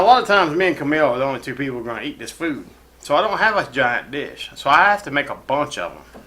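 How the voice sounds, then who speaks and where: A man's voice: medium pitch, sharp tone, echoey room, low-quality recording. A man hosting a casual home cooking show, talking in a rambling, profane, folksy way from his kitchen.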